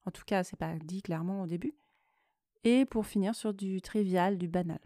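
A woman hosting a podcast, reading her own creative writing and commenting on it in a soft, partly whispered way, with hesitant conversational asides. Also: medium pitch, normal speed, no echo, clean studio sound. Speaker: podcast host and author.

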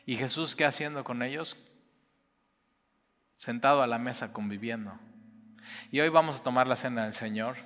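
Man preaching, bright forceful voice, long hall reverb over soft guitar. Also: mid-range voice, moderate pace, long pauses. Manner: impassioned, swings from loud to hushed. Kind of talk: sermon.

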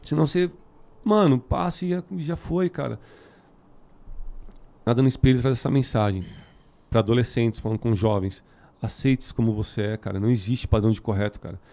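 A man with a São Paulo Brazilian Portuguese accent talks very fast in a mellow, softened tone at an average pitch. His speech is casual and packed with street slang, in the loose style of a podcast chat. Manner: heavily slangy, filler-laden street talk. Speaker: band musician, interview guest.

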